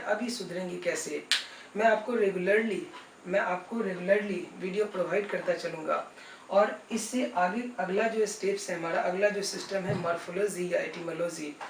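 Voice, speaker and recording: A man's voice: high voice, normal speed, a little hiss or hum. A man teaching an English lesson, fondly addressing his students and repeatedly asking them rhetorical questions. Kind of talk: classroom lesson video. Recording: roomy and distant with faint music.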